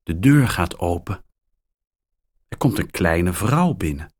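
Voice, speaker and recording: A man reading a children's story aloud, very slowly and with clear, expressive articulation. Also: low-pitched. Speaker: narrator.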